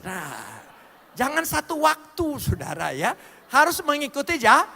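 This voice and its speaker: A male pastor preaching a sermon with animated, playful delivery, spelling out words letter by letter and swinging between loud and soft. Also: very high voice, a little slow, vocal fry, long reverb tail. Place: church hall.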